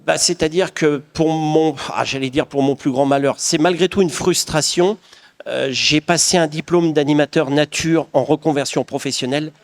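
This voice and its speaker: Speaking at a normal speed in a fairly high, steady tone, a middle-aged man from the Paris region appears as a craftsman guest. He responds to interview questions with earnest reflection and frequent restarts.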